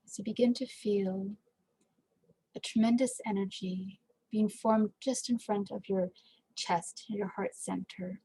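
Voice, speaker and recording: A woman leading a guided meditation in a gentle, unhurried way, with frequent fillers and pauses. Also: mid-range voice, fairly even intonation, breathy edge, low-quality recording.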